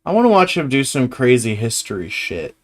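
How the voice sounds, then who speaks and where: A man's voice: medium pitch, big pitch swings, a little fast. A man chatting casually and thinking aloud as he hosts, hesitant and muttering, with some swearing. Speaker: livestream host reacting to videos.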